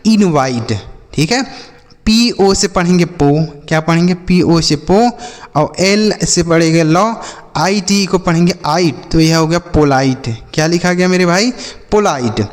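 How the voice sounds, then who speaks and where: A man's voice: sits high, unhurried. A male teacher giving a phonics lesson who repeats each answer back in a call-and-response drill and calls his listeners brother and children. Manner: repetitive call-and-response drilling, asks then answers himself; addresses viewers as "my brother" and "children". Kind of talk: classroom-style phonics lesson. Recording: long hall reverb.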